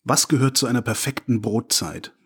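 A man runs a quick-fire interview with short, punchy questions. His voice is slightly husky. He throws in brief teasing remarks between the answers. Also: mid-range voice, lively intonation, fairly bright tone. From outside Franconia, Germany. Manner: brief, teasing follow-ups.

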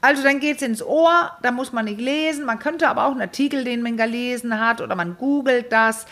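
A woman's voice: fairly high pitch, a little fast, fairly bright tone. A woman hosting a podcast in casual chat, talkative and digressive, often restarting her sentences. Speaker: podcast host.

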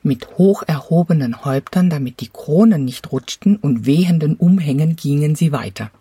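A woman reading a children's storybook aloud in a calm, even storytelling manner. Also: sits low, moderate pace, breathy edge, dry recording. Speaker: narrator.

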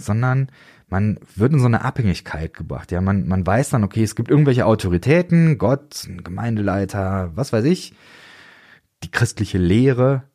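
A man hosting a reflective solo theology podcast, lively and often mimicking strict voices to make a point. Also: on the low side. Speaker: podcast host.

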